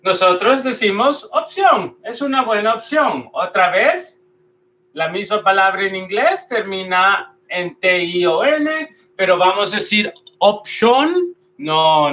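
A male language teacher with a bright, fairly high voice. He talks at an unhurried pace, stressing and repeating each word so learners can copy it. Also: expressive. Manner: patient, repeats each word slowly and with emphasis. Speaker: English pronunciation teacher. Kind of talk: explaining pronunciation in a video lesson.

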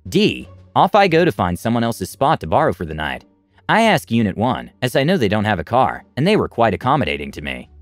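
Guy narrating reddit revenge stories, lowish voice, dry close mic, soft music under it. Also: no echo. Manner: lively storytelling with big pitch swings. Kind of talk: reading reddit stories aloud.

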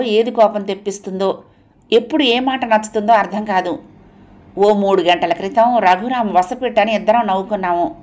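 A woman narrates a long audio novel in an even, mid-pitched voice. She keeps the storytelling steady and gives quoted lines a livelier lift.

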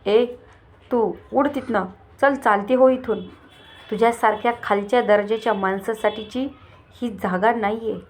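A woman voicing a haughty young woman who shouts insults at a rival in a read-aloud story. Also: on the high side, fairly even intonation, unhurried, natural voice. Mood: scornful. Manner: shouting, contemptuous.

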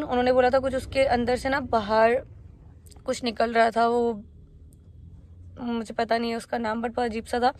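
A young woman in her twenties, talking casually to her phone camera from inside a car, chatty and mixing in English words. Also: a little high. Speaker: vlogger. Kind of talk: casual vlog narration. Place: inside a parked car by day. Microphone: phone held at arm's length.

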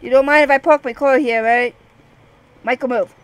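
A woman's voice: sits high, fairly even intonation, normal speed, clear, resonant tone, rough recording. Giggly young woman playing a game. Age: 20s. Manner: chatty, giggly, rambling. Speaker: let's player. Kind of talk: casual gameplay commentary.

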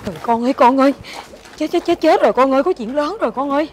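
An actress with a Southern Vietnamese accent playing a superstitious, bossy middle-aged mother-in-law who scolds in rapid-fire accusations. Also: high-pitched, close to an everyday voice. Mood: alarmed. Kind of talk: web drama acting. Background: background music.

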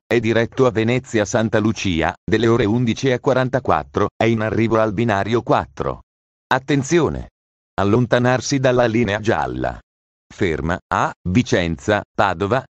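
Casting: male railway announcer, low voice, flat formal delivery in segmented phrases, dry but slightly dull lo-fi sound. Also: no room sound.

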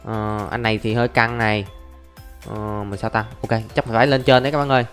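Pitched on the low side, this young gaming YouTuber speaks fairly quickly in a steady, slightly bright voice. His casual Let's Play chatter walks through every step of the game and addresses his viewers, with faint background music in the recording.

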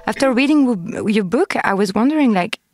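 A woman's voice: on the high side, expressive, brisk, soft background music. French-accented woman host, hesitant and searching. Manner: hesitant, restarts words, searching in a second language. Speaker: podcast host interviewer. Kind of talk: conversational interview.

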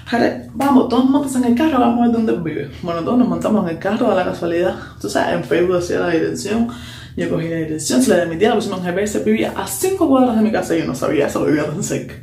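A young woman with a fairly low, creaky voice tells a personal story at rapid-fire speed in a casual vlog. She's animated and lively, using slang and English asides, recorded in an echoey room with a faint hum.

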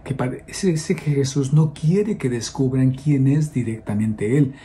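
A male priest giving a homily on the Sunday gospel in a conversational, explaining way, with many fillers and quick checks with his listeners. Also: mid-range voice, expressive, dark tone, a little hiss or hum.

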